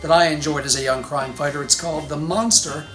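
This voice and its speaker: A woman playing Batman as a gruff, overconfident superhero reading a storybook to children. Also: fairly even intonation, a little fast, fairly bright tone, soft background music. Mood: gruff boasting. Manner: gruff, low, mock-heroic. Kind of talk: storybook read-aloud for children.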